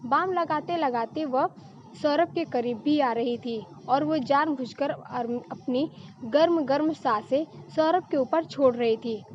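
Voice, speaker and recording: A woman narrating a story in a steady, plain telling style. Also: sits high, measured pace, muffled recording, slight background noise.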